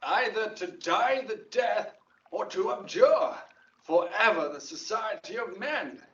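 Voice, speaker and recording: An actor playing a stern, measured duke in a classical Shakespearean audio drama, speaking formally and with deliberate declamation. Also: male voice, high-pitched, animated, fairly bright tone, a little hiss or hum, full character voice. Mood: solemn warning. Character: stern, measured ancient duke counselling a defiant young woman. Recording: distant, dull, echoey drama recording.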